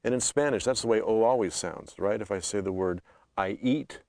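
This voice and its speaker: A North American man hosting a language lesson, explaining pronunciation in a clear, steady teaching tone. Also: on the low side, moderate pace, no room sound, clean studio sound.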